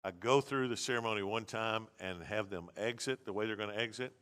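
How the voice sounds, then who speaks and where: A man's voice: lowish voice, a little fast, a bit bright. A man, a pastor teaching a seminary class in a blunt, conversational lecture with many restarts.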